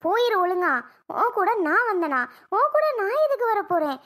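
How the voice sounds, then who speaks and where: A woman's voice: sing-song, moderate pace, a bit bright, heavily acted. A woman voicing an injured young wife in a cartoon, who is furious and scolds sharply. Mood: angry. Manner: shrill, scolding, exasperated. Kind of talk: cartoon voice acting.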